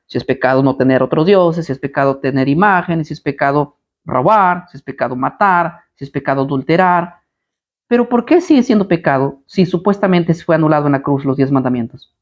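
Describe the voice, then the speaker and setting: A man's voice: on the high side, brisk, lo-fi sound. Combative man preaching with rhetorical questions. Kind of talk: live Bible study preaching.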